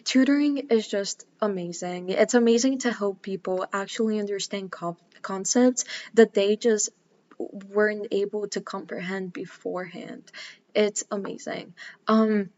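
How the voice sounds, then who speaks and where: A woman's voice: medium pitch, fairly even intonation, unhurried, darkish tone, highs cut off. A woman in her twenties, raised in Bulgaria, introducing herself as a math tutor in an earnest, casual way with frequent "um"s. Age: 20s. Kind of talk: casual self-introduction to camera.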